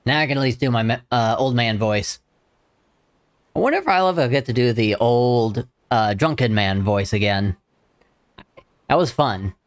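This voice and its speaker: A man's voice: medium pitch, animated, normal speed, pauses often, dry recording, studio quality. A man streaming a game, chatting casually in self-deprecating muttered asides between dialogue he reads. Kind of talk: casual gameplay chat.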